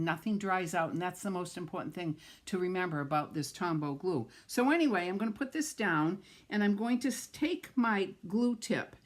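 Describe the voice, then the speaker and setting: On her live stream, this medium-pitched, middle-aged New Englander shows how to make cards, gushing and chatting as she welcomes viewers by name.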